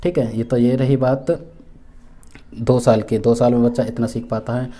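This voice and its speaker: Indian guy teaching an exam prep lesson, very dark mellow tone, pretty flat, keeps repeating himself. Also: medium pitch. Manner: repeats each point with Hindi and English terms; many fillers and restarts, measured explaining. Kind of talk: recorded exam-prep lecture.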